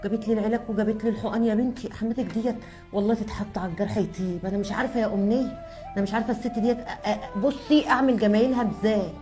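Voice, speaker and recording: A woman's voice: medium pitch, fairly even intonation, dark tone, faint music behind, lightly acted. A woman playing a preachy Egyptian mother. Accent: Egyptian Arabic. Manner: fast, scolding, preachy. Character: moralizing middle-aged mother, scolding her daughter. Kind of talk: web comedy sketch acting.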